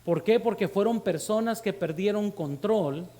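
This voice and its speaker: A man's voice: sits high, measured pace, mellow. A man with a Mexican accent, a pastor preaching a sermon to his congregation, calling them brothers and asking them rhetorical questions. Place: church.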